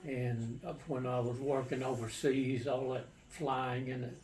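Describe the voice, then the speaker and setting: An older man, a war veteran, casually recounting his memories in a halting, matter-of-fact, plain-spoken way. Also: medium pitch, flat delivery, a little mellow. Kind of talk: casual personal storytelling. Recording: distant mic with faint background noise.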